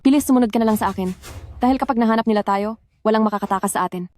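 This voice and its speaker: A woman dubbing a clever, bold young noblewoman in a period drama, quick and teasing. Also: fairly high pitch, darkish tone, close to an everyday voice.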